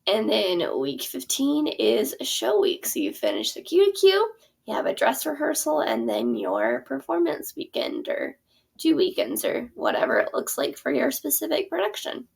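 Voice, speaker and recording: In a casual, explanatory walkthrough of her course plan, the young theater teacher and curriculum creator talks at normal speed in a high, creaky voice whose pitch swoops wildly. She's chatty, with lots of ums and corrections of herself.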